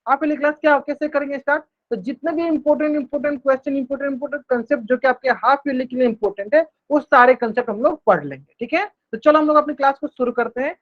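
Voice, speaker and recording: Man with a high voice teaching a live online math class, drilling each point by repetition, muffled lo-fi stream sound. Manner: repetitive, asks the class questions and answers them himself; says English math terms slowly and drawn out. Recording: dull lo-fi stream audio.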